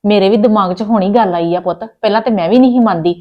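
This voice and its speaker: A woman's voice: medium pitch, fast, dull audio, lightly acted. An actress playing a practical, stubborn middle-aged mother who insists and scolds in colloquial speech, with a Punjabi accent. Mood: insistent. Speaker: mother arranging her daughter's wedding.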